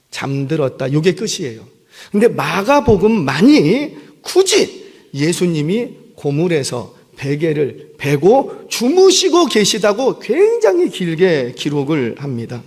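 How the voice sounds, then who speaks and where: A pastor delivers a sermon in a church sanctuary, his voice pitched high for a man and swinging widely as he preaches. He keeps asking the congregation questions, then answers them himself. His words ring out with the long reverb of a large hall. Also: a little mellow. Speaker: senior pastor.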